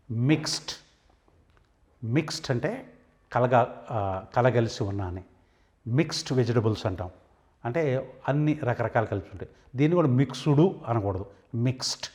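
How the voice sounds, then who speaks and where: A man teaching English vocabulary, slowly saying each word and then explaining what it means. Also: mid-range voice, darkish tone. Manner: slow, deliberate, repeats and stresses each English word before explaining it. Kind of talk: vocabulary lesson.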